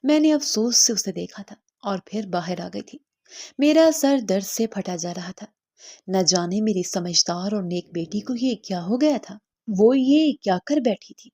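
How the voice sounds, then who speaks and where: A woman's voice: mid-range voice, warm tone. A woman narrating an emotional first-person story as a mother, in a scripted storytelling style.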